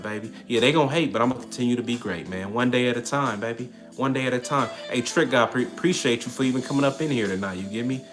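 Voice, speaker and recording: A man's voice: mid-range voice, fairly bright tone. A man hosting a livestream in casual talk, reading and answering chat comments in a streetwise, preachy manner. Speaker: livestream host.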